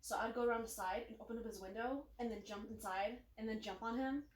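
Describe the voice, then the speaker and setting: A woman with a high, light voice hosts a relaxed interview, chatting loosely and giggling between questions with plenty of "um"s. The room around her sounds echoey. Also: fast talker. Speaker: interview host. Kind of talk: casual interview chat.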